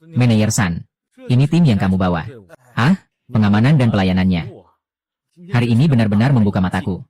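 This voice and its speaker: A man's voice: lowish voice, animated, brisk, mellow. A man voicing a cool, mocking young rich courier. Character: young male courier turned rich owner, cool and sarcastic. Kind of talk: dubbed drama acting.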